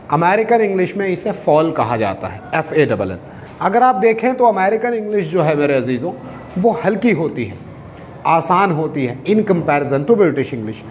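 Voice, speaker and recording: A man teaching English to a class, explaining slowly with repeated examples and questions to the students. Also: high-pitched, a little mellow, slight background noise. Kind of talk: classroom lecture.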